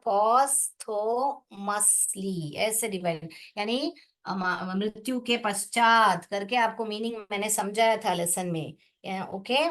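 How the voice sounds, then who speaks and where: A woman teaching English in an online class, explaining in Hindi with an Indian accent, spelling words out and calling students beta. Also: medium pitch.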